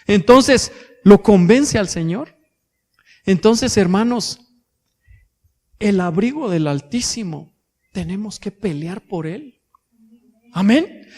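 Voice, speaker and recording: High-voiced Mexican preacher in a reverberant hall. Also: male voice, lively intonation, takes it slowly, pauses often, darkish tone. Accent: Mexican Spanish. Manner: addresses congregation as brothers, asks rhetorical questions; hesitant fillers and restarts. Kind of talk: sermon. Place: church hall.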